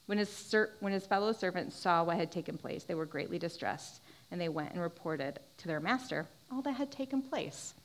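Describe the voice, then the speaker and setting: A woman's voice: on the low side, normal speed, few pauses. A young woman teaching a Bible lesson in a casual, conversational way, acting out the reactions of people in the story. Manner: animated, conversational, acts out quoted reactions.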